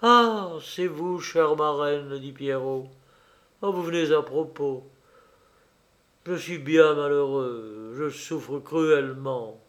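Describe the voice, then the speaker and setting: A man's voice: a little high, slow pace, fairly bright tone. A man reading a storybook aloud, voicing a brave, upright young miller's son who speaks firmly and earnestly. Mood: lamenting. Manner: firm, earnest, sometimes lamenting.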